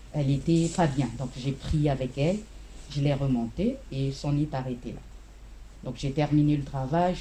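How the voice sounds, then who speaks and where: Halting, emotional woman with a mellow voice. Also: low voice, a little hiss or hum. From Central Africa. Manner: halting, searching for words, with quoted dialogue. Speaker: choir member giving a memorial testimony. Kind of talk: emotional spoken testimony.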